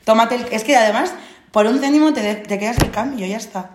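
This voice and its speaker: A woman's voice: a little high, a little fast, noisy background. A woman co-hosting a casual podcast chat, venting her pet peeves bluntly and with exasperation. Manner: blunt, exasperated complaints with laughter. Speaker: podcast co-host. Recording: roomy studio room.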